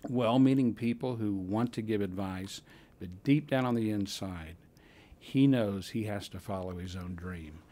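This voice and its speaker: Older man, low earnest voice. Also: unhurried, mellow. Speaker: co-producer. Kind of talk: interview answer. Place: convention room before a poster wall. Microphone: handheld mic held by the interviewer.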